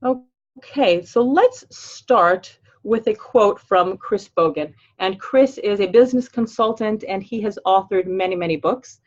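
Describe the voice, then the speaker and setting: This older Los Angeles native speaks with an American accent while presenting a webinar as a financial planner, keeping things chatty and upbeat with casual fillers. Her mid-range voice is unhurried, and the sound is lo-fi.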